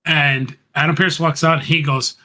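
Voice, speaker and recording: A man co-hosting a podcast, excitedly retelling a wrestling segment in casual chat. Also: a little high, a little slow. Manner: animated, retells scenes by quoting and laughing. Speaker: podcast co-host.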